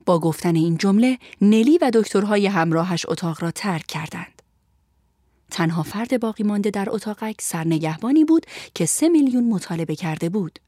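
A woman narrating a storybook in an expressive, lively storytelling manner. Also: medium pitch, no echo, clean studio sound.

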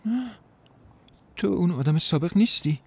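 A man voicing a young woman who pleads softly and tearfully with her lover in an audiobook story. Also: expressive, creaky, husky, faint music behind, heavily acted. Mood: bewildered, sad. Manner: high, soft, pleading.

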